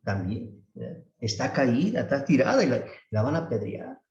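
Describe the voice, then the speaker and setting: Priest preaching, far off the mic in a big echoey church, kinda muffled. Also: male voice, wildly swooping pitch, moderate pace, darkish tone. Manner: peppers phrases with tag questions, acts out complaints in a high voice. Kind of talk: sermon. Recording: echoey dull church sound from a distance.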